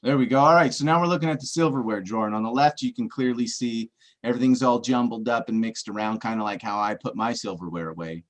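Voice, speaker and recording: On a casual livestream chat, a treasure-hunt searcher goes through puzzle clues one step at a time, cracking the occasional joke and checking in with his listener. His voice is mid-range and he talks at a quick pace.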